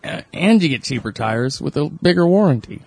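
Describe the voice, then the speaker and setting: Gravelly-voiced man in meandering chat. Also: on the high side, sing-song, a little fast, darkish tone, no room sound. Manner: meandering, hedging talk with many fillers. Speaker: podcast co-host. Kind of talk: casual chat.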